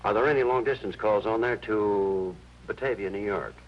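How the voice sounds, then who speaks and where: A man's voice: fairly low pitch, moderate pace, natural voice. An actor playing an earnest male hospital chaplain who asks polite, persistent questions in a 1950s TV drama. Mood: inquiring. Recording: dull lo-fi 1950s TV soundtrack with music.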